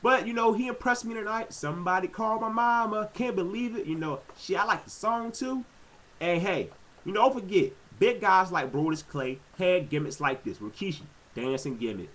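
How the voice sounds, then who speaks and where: Animated man doing wrestling commentary. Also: sits high, normal speed, poor audio. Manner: animated, exclaiming. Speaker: wrestling fan vlogger. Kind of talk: casual commentary.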